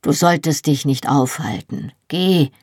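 A woman reading the part of a young male Scottish highlander, grave and resigned, speaking quietly and slowly. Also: husky, dry recording, studio quality.

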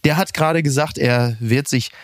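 A man's voice: mid-range voice, normal speed, no echo, studio quality. A man hosting a casual political chat, talking in a chatty, ironic way with lots of filler sounds. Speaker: podcast host.

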